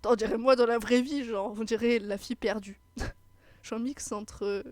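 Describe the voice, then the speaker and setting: A woman's voice: fairly high pitch, fairly even intonation, no room sound. A young woman streamer giving casual, giggly commentary on a game. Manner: giggly and quick.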